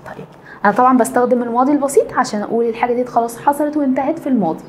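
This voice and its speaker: A young Egyptian woman teaching an English grammar lesson, explaining patiently and repeating key words slowly. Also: high voice, slight background noise. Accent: Egyptian Arabic.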